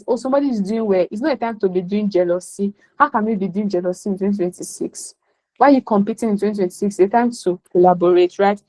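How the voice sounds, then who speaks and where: A woman's voice: mid-range voice, mellow, poor audio. Emphatic Nigerian woman coaching a class. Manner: emphatic, mixes in Nigerian Pidgin. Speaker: career coach. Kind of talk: motivational class talk.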